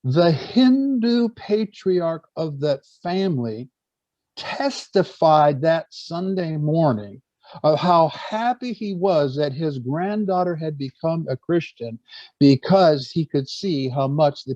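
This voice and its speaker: A man's voice: a little high, animated, takes it slowly, mellow, dry recording, dull audio. Earnest man preaching to a gathering. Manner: earnest, stumbling restarts, storytelling. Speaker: speaker on church life.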